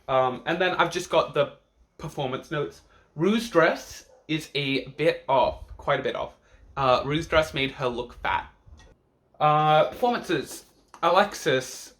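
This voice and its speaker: A man's voice: a little high, unhurried, fairly bright tone. A man with the campy, catty manner of a drag queen, giving a casual, sweary reaction vlog with sassy slang and emphatic repetition.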